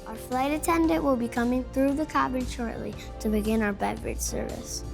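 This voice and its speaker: A woman role-playing a pilot, making plane cabin announcements in a steady, playful, reassuring announcer manner. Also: high-pitched, brisk, gravelly, over music. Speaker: pretend airline pilot.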